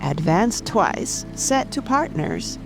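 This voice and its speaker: A woman playing a melancholy, sentimental sea turtle creature in a dramatic audiobook, with a slow, mournful delivery. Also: mid-range voice, big pitch swings, low-quality recording. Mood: excited. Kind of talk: full-cast dramatic audiobook reading. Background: soft rain ambience and music.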